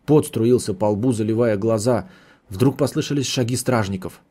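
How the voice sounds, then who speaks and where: A man reading a novel aloud in the first person, with a measured, steady storytelling delivery. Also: fairly low pitch, breathy edge. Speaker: audiobook narrator.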